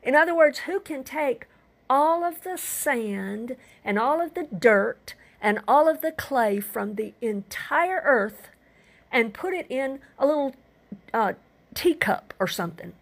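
Older female preacher, gravelly voice, earnest scripture teaching with rhetorical questions. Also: high-pitched, expressive, a little slow. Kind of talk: Bible teaching sermon.

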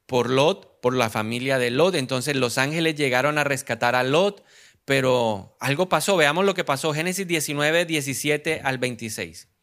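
A man's voice: mid-range voice, moderate pace, a bit bright. A man preaching a sermon, repeating key words for emphasis and putting questions to the congregation. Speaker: pastor.

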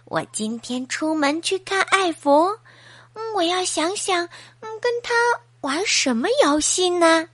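A woman voicing a small, cheerful boy hedgehog who loves to dance, in a gentle, musing way for a children's storybook. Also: extremely high pitch, expressive, measured pace, no room sound, pitched above the performer's own voice. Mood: dreamy.

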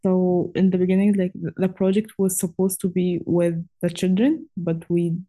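A woman's voice: on the low side, flat delivery, normal speed, dark tone. A young woman from Egypt in her twenties, answering interview questions casually and hesitantly, with frequent fillers and restarts. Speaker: guest.

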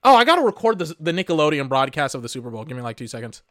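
A man's voice: fairly high pitch, sing-song, very fast, fairly bright tone, no echo, clean studio sound. A man hosting a podcast, reacting live to an awards broadcast in casual, rambling commentary, often exasperated and swearing. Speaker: podcast host.

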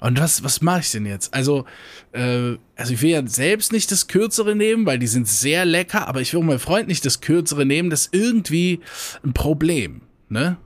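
A man's voice: fairly high pitch, animated, moderate pace, dry recording. A man doing a fretful fable chicken. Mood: fretting.

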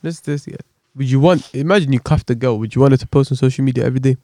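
A man's voice: medium pitch, racing, warm tone, no room sound. A young man with a London roadman accent, chatting casually in street slang on a podcast. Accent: London, urban roadman slang. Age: young adult. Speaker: podcast co-host.

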